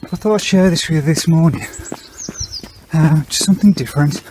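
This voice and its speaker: A man in his fifties talks to a handheld camera while jogging outdoors, out of breath between phrases. His voice sits a little high and his manner is chatty and frank. Clear outdoor noise runs under the recording. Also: moderate pace. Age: 50s. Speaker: vlogger. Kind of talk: casual talk to camera while running. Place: outdoors on a foggy housing estate in the early morning.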